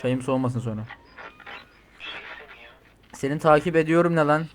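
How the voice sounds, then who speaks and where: Brief: male streamer, slightly high voice, crude and excitable, given to yelling when startled. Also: moderate pace. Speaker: gaming streamer. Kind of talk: swearing playthrough commentary.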